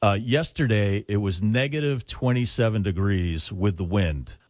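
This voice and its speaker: A man's voice: fairly low pitch, normal speed, a little mellow, no echo, studio quality. A man hosting a casual radio interview in a conversational way.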